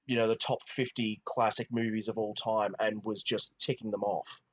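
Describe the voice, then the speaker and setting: A man's voice: on the low side, level tone, normal speed, poor audio. A man co-hosting a film podcast, talking casually and rambling, with many restarts and "you know"s. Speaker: podcast co-host. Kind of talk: casual film review chat.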